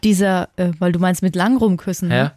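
A woman's voice: lowish voice, brisk, darkish tone, no echo, clean studio sound. A woman in her thirties co-hosting a casual podcast chat, telling candid stories with laughter. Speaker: podcast co-host.

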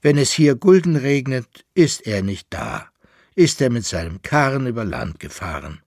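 A man's voice: mid-range voice, very animated, normal speed, a little mellow, no echo, clean studio sound. A man voicing a weak, dying old man giving his last instructions in a storybook reading. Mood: weary.

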